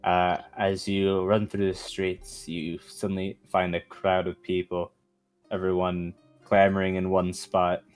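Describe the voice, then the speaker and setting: Male game master, deep voice, slow halting narration, faint music behind. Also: monotone, smooth.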